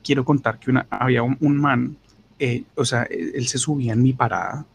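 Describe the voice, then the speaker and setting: A man's voice: medium pitch, fairly quick, creaky, slight background noise. A young man with a Bogotá Colombian accent, casually telling a crude, slangy story on a podcast and mimicking other people's voices. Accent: Colombian Spanish, Bogotá. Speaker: podcast co-host.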